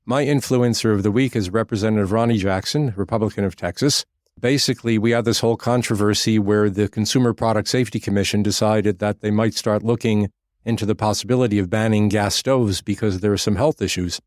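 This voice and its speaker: A man co-hosting a political podcast, talking in a measured way with frequent pauses. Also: fairly low pitch, a little mellow, no echo, clean studio sound. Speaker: podcast co-host.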